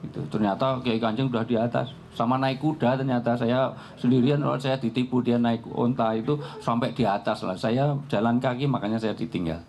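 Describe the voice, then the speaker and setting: A man's voice: mid-range voice, fairly even intonation, fairly quick, a little mellow. A man giving a humorous religious talk at a live public forum, telling anecdotes and joking as he goes. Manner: joking, anecdotal storytelling with frequent laughs. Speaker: Islamic preacher.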